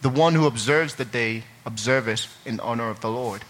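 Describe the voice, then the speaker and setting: His tone fairly bright, his pitch medium and his pace moderate, a young man from Ireland talks through his testimony at church. The delivery is chatty, packed with fillers and laughter, and he finishes by reading scripture.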